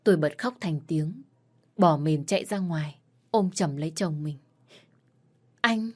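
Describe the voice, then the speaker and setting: A woman's voice: deep voice, measured pace, darkish tone. A woman narrating a sad first-person story with an emotional delivery. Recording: faint background music.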